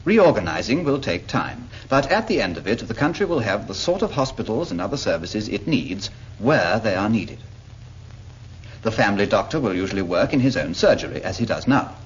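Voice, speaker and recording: A British man with a voice on the low side, big pitch swings, and a slightly fast pace narrates a 1940s public information cartoon. He speaks to a character in patient, explanatory scripted narration. The dull 1940s film soundtrack carries music and slight background noise.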